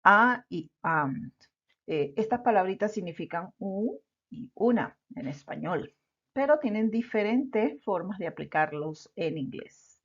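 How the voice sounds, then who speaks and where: A woman's voice: medium pitch, animated, unhurried, slightly rough. A woman teaching an English lesson patiently, repeating example words and checking in with "all right?". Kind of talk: slow explanatory lesson. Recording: dull lo-fi recording.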